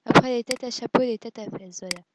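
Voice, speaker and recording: A woman's voice: on the high side, quick pace, heavy background noise. A woman giving casual gameplay commentary, hesitant and self-deprecating, musing aloud with lots of fillers. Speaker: let's play gamer.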